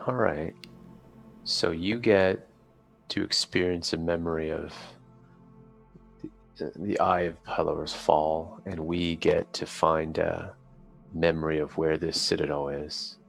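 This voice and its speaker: A man's voice: extremely low pitch, fairly even intonation, takes it slowly, gravelly, pauses often, faint music behind. A man playing a tabletop role-playing game in a casual, conversational style.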